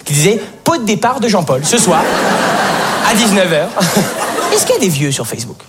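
Teen male stand-up, high and very animated, live noisy stage sound. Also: moderate pace. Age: teens. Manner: lively, jumps into shrill put-on voices. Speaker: stand-up comedian. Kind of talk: stand-up comedy. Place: theatre stage. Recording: live show, noisy crowd.

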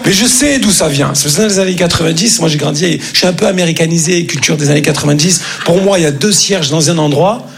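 A man's voice: fairly high pitch, fast talker, gravelly, hardly any pauses, a little hiss or hum. A man doing a stand-up comedy set on a stage before a live audience, telling a story and acting out the dialogue. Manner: storytelling, acts out dialogue, bursts into mock singing.

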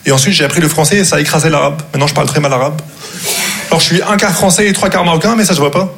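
This self-deprecating stand-up comedian is a Moroccan man who grew up speaking Arabic, telling a conversational monologue to an audience laughing loudly at a live show. His voice is on the high side, very fast and creaky, throaty and muffled, with a posh, old-fashioned way of speaking.

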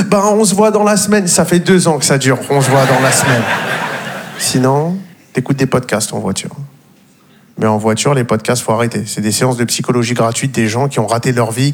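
A man delivering a blunt, exasperated stand-up rant, acting out quotes. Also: mid-range voice. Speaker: stand-up comedian. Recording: noisy live show recording.

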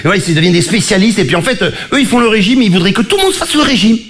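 Fast-talking comic in his forties. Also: high-pitched, big pitch swings, fairly bright tone. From Marseille, southern France. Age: 40s. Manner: rambling, self-mocking, quick asides with stammered restarts. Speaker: stand-up comedian. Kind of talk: stand-up comedy routine. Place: live comedy stage before an audience. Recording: live show with crowd noise. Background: audience laughter.

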